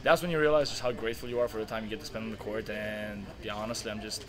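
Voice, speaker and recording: A man's voice: fairly low pitch, steady tone, racing, crowd noise, rough recording. A young man, a college tennis player, giving a casual post-match interview outdoors at night by the courts, earnest and full of fillers. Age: young adult.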